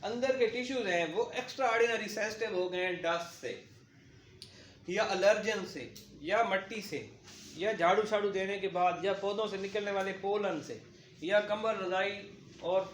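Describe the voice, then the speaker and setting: A man's voice: sits high, normal speed, roomy sound, a little hiss or hum. A man giving a medical lecture to paramedic trainees, explaining through lists and patient examples.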